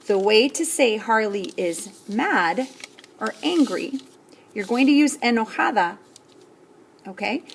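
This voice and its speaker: A woman teacher slowly explaining an assignment to students step by step, often checking in with "okay?". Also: on the high side, expressive, gravelly, a little hiss or hum. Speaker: Spanish teacher. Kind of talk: recorded classroom lesson.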